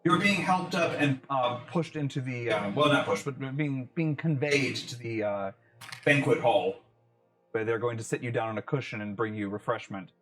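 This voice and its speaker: A man's voice: medium pitch, moderate pace, fairly bright tone, reverberant, faint music behind. A man narrating a tabletop game as game master, rambling with many fillers.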